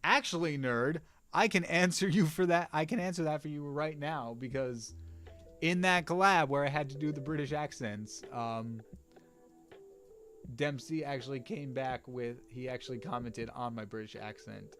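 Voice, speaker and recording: A man talks casually to his live-stream audience as he draws, rambling in an easygoing way and filling pauses with ums and small laughs. His voice sits at an ordinary middle pitch. Soft background music plays faintly under his talk. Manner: easygoing and rambling, with frequent fillers and chuckles. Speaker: artist and voice narrator hosting a live drawing stream. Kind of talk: casual live-stream chat while drawing.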